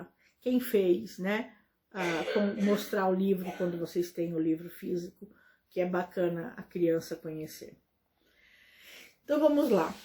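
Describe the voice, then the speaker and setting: A woman's voice: medium pitch, a little mellow. A middle-aged woman with a Brazilian Portuguese accent giving an online class lecture as a teacher, explaining step by step with frequent fillers and restarts.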